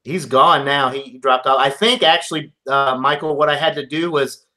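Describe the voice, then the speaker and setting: A man who is a regular on a beer review show talks over a video call and lays things out in a steady, measured way. His voice is bright and forward, with a middling pitch. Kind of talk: casual chat on a live video call.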